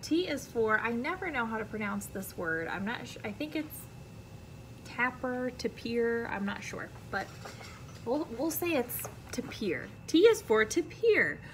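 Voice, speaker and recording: A very animated American woman, around thirty, reads a children's picture book a little slowly in a fairly high voice, teacher-style and careful, with friendly asides to young listeners. She's in an indoor classroom, and there's background noise.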